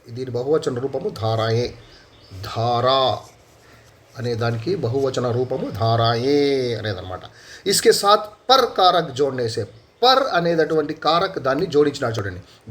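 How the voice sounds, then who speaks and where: A man with a Telugu accent teaching a Hindi lesson, explaining slowly and repeating words and example sentences. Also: medium pitch.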